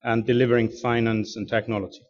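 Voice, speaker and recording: A man from Iceland giving a talk over slides, speaking haltingly with many fillers and restarts. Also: medium pitch, level tone. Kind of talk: lecture presentation. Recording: muffled lo-fi recording.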